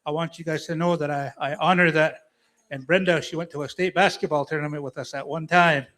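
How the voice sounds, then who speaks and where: A man's voice: on the high side, fairly even intonation, fairly quick, a bit bright. A man emceeing a powwow, making informal announcements and repeating key phrases.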